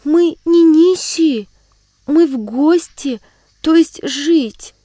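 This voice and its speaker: A woman's voice: high voice, drawn-out words, dark tone, no echo, clean studio sound, pitched above the performer's own voice. A woman doing a shy little orphan girl. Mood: pleading. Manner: shy, eager pleading. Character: earnest little orphan girl from Siberia, gentle.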